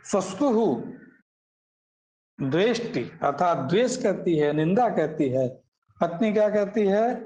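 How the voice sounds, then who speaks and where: A man's voice: high voice, animated, unhurried, pauses often, a little mellow, muffled recording. A man teaching scripture, chanting Sanskrit verses and then explaining them line by line, asking questions and answering them himself.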